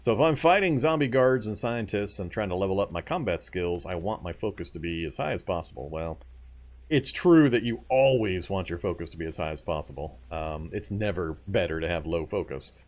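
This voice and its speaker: A man with a low voice that swings up and down, talking through a survival game on a live stream. He explains how the mechanics work as he searches rooms, muttering his way through the loot, and laughs easily when reading viewers' chat. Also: animated, brisk. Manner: thinks aloud while looting, explains game mechanics. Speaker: let's play streamer.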